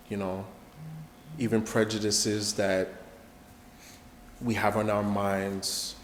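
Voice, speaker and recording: A man's voice: fairly low pitch, reverberant, in a large hall, slight background noise. A man from Canada, a poet and guest, talking in a reflective and hesitant way, with many fillers. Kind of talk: spoken word performance then casual interview talk.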